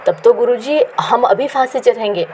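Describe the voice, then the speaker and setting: A woman's voice: a little high, lively intonation, normal speed, warm tone, slight background noise, close to an everyday voice, low-quality recording. Storybook reading: a woman voicing a scared plump young disciple, pleading and wailing. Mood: insistent.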